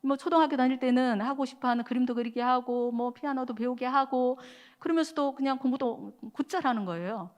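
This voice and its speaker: A woman's voice: high voice, brisk, a little mellow, dull audio. Woman preaching a conversational sermon. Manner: conversational, many fillers, addresses the audience. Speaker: preacher at a mothers' prayer meeting. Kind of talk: sermon with storytelling. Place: church.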